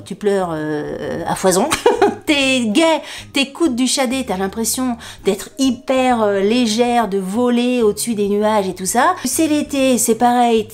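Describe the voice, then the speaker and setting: A middle-aged woman vlogger chatting casually to her viewers, enthusiastic and talkative, with many fillers and little laughs. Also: on the high side. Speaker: beauty and lifestyle vlogger. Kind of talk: casual chat to camera.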